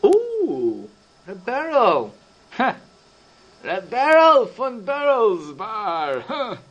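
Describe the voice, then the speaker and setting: A talkative, fussy secretary full of rambling, teasing questions, as a storyteller puts him on. The voice sits high for a man and stays light and easygoing. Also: wildly swooping pitch, very slow, fairly bright tone, lo-fi sound, heavily acted. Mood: warm greeting. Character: chatty, friendly male secretary, fussy and jokey.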